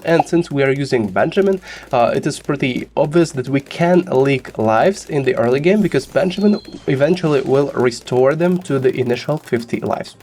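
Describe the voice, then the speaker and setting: A man who sounds sick explains game strategy as a gaming guide host, his voice slightly rough. He's instructive but full of "uh" fillers, speaking at medium pitch with a darkish tone over slight background noise.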